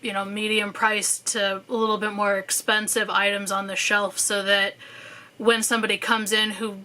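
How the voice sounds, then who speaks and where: A woman's voice: medium pitch, flat delivery, moderate pace, pushed and bright. A young woman, a student, speaking in a candid personal monologue, thoughtful at times and sarcastic at others, with casual swearing and frequent fillers.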